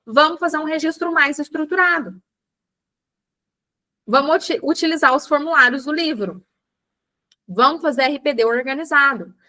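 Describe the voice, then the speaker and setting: A Brazilian psychologist woman gives a casual online lecture in a bright, somewhat high voice. She chats with her listeners directly and acts out little everyday examples as she teaches. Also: moderate pace, pauses often. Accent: Brazilian Portuguese. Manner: chatty, addresses audience as "gente", acts out examples. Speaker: psychologist teaching a book club class.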